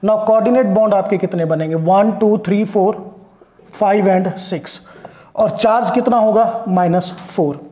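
This high-pitched male voice has a dark tone and a measured pace, recorded with a roomy sound. He is a chemistry teacher with an Indian accent, mixing Hindi and English during a classroom lecture and frequently making sure the class is following.

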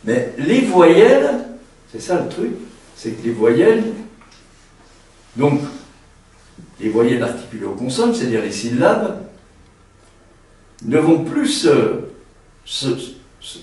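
Male tenor lecturer, halting speech with restarts, heavy room echo, mic far off. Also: medium pitch, big pitch swings, a little mellow. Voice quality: trained singer's voice, a tenor. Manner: halting, frequent restarts and tag "hein". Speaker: seminar lecturer. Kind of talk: spoken seminar lecture. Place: seminar room.

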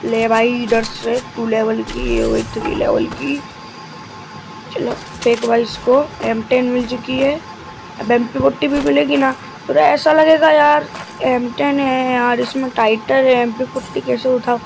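A man giving live commentary over his mobile game, talking deliberately quiet and chatty, constantly addressing his viewers. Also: very high-pitched, vocal fry, over music, rough recording. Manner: talks deliberately quiet and soft; chatty, keeps addressing viewers as guys and brother.

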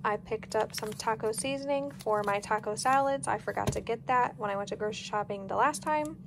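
An American woman home vlogger narrates a casual grocery haul and meal plan in a plain, easygoing way, recorded on a handheld device in her kitchen. Her mid-range voice is creaky and a little fast. There is noticeable background noise from the home kitchen.

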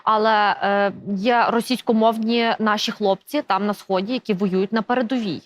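A woman interviewer pushing back on her guest with quick, challenging questions. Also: medium pitch, fairly even intonation.

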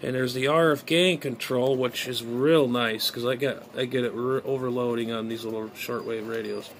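Here the middle-aged vlogger, an amateur radio enthusiast, talks at normal speed with fairly even intonation and a medium pitch, muttering and rambling to himself as he handles items during a casual unboxing. The phone sits propped at arm's length in a small indoor bedroom, so the audio carries noticeable noise, clear background noise and room ambience.

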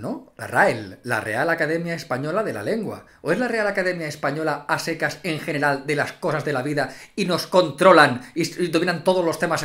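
A man with an accent from Spain rants in a comedic vlog, sarcastic and theatrical. His voice swings widely up and down as he mocks and exaggerates, never staying flat for long. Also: fairly high pitch. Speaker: YouTuber.

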